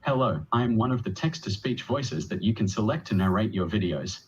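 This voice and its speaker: A man's synthetic text-to-speech voice played back from a computer, reading a sample line in an even, scripted delivery. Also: fairly low pitch, fairly quick. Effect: synthetic text-to-speech voice played back through a computer. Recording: distant dull playback with faint noise.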